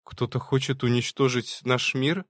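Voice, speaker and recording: A man's voice: medium pitch, steady tone, moderate pace, no echo, clean studio sound, voice pushed up, close to an everyday voice. A man reading the lines of a shaken but resolute young woman in an audiobook. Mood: urgent.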